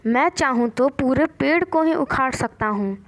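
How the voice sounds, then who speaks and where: A woman's voice: sits high, animated, moderate pace. A boastful mocking elephant, read by a woman. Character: boastful laughing male elephant.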